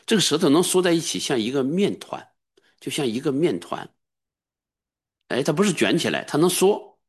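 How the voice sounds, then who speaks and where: A middle-aged man preaching a sermon as a pastor, emphatic and sometimes bursting into high-pitched exclamations. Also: big pitch swings, moderate pace, breathy edge.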